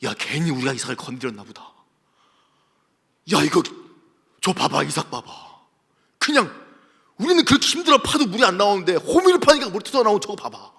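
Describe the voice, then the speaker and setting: A man doing a hushed, begging Philistine king. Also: high voice, sing-song, brisk, gravelly, pauses often, slightly rough, in a large hall, pitched below the performer's own voice, heavily acted. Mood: nervous. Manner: pleading, wheedling, hushed. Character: fearful Philistine king and herdsmen, men, begging.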